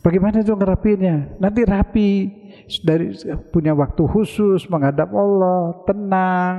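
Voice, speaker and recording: High-voiced man preaching in a reverberant mosque. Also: moderate pace. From Indonesia. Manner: conversational, asks listeners questions and answers them himself. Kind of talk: sermon. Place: large mosque hall. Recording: dull lo-fi recording with long hall reverb.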